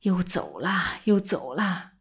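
A woman voicing an old male scholar with a husky voice, speaking low and hushed, almost whispering, then rising into fierce passion. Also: very animated, takes it slowly, exaggerated voice.

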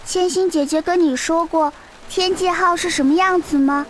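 Clingy frightened little girl, woman voicing: very high, whiny, pleading, audio drama over music. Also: fairly even intonation, normal speed, a little hiss or hum. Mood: scared pleading. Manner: pleading, whiny childlike asking.

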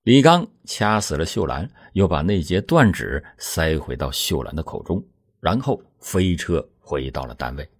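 A man's voice: a bass voice, very animated, normal speed, husky. A man telling a true-crime story in a dramatic, vivid way.

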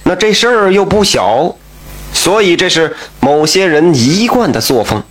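A man's voice: on the high side, big pitch swings, measured pace, fairly bright tone. A man telling a folk tale in a chatty, colloquial way, with asides and exclamations. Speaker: storyteller.

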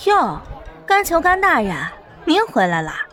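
A man's voice: very high-pitched, sing-song, moderate pace, fairly bright tone, soft background music, some chatter behind, pitched above the performer's own voice, heavily acted. A man voicing a mocking, sly young schoolgirl who teases a classmate. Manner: mocking, sing-song. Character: sarcastic teasing young schoolgirl.

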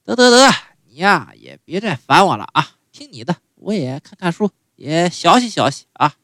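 A man voicing an elderly mother in a stand-up comedy monologue, brisk and down-to-earth as she calls out to her son. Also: fairly low pitch, sing-song, fairly bright tone, no echo, pitched above the performer's own voice. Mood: grumbling. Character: elderly mother, plain-spoken, dryly humorous.

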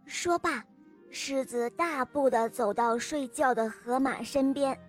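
A woman narrating a children's story with a lively, expressive reading. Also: high-pitched, slow, soft background music.

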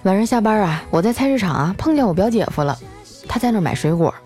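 A woman's voice: medium pitch, expressive, fast talker, over music. A woman hosting a comedy podcast who tells funny stories in a playful, chatty way. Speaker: podcast host. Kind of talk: comic storytelling.

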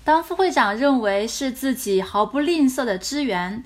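A woman language teacher explaining dialogue from a drama scene line by line, in patient, animated explanations. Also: sits high, moderate pace, faint music behind.

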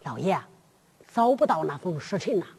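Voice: takes it slowly, big-room sound. A storyteller murmuring as a meek yamen clerk. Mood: deferential. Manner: low, meek and hushed. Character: timid male yamen clerk, deferential.

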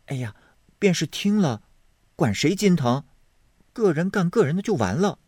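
A man's voice: a little high, very animated, quick pace, a little mellow, dry recording, studio quality, pitched above the performer's own voice. A man voicing a blunt, dismissive young maid in a storybook reading.

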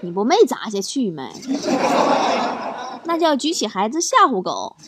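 A woman's voice: mid-range voice, wildly swooping pitch, measured pace. A woman hosting a chatty show, playfully reading out listener jokes and teasing her audience. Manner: playful, teasing, laughs between stories. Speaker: radio-style host reading listener messages. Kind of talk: casual chat, reading jokes aloud. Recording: noisy recording.

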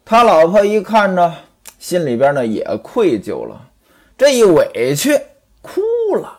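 A male storyteller with a lively, swinging delivery and a fairly high voice. He tells a traditional story with chatty asides to the listener. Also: unhurried.

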